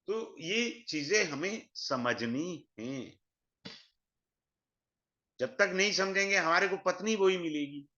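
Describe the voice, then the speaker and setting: A man's voice: sits high, animated, slow pace, long pauses, sharp tone. A man teaching an astrology class in a chatty, blunt way, mixing in English phrases. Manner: chatty, mixes Hindi and English, blunt asides. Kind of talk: informal online class lecture. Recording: dull lo-fi sound.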